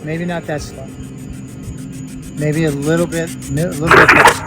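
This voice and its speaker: A man hosting a paranormal vlog, speaking in a hushed, coaxing way as he addresses spirits in a cemetery at night. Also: a little high, little pitch movement, moderate pace, over loud music, poor audio. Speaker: paranormal investigator host. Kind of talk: casual vlog narration.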